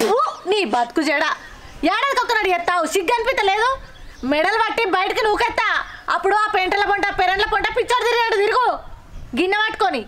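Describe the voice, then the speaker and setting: Woman playing a shrill Telangana village wife, nagging, rapid, over loud music. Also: very noisy. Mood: scolding. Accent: Telangana Telugu. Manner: scolding, loud complaining, earthy insults. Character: nagging village wife scolding her unwashed husband. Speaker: actress in a village comedy short film. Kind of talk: comic short-film acting.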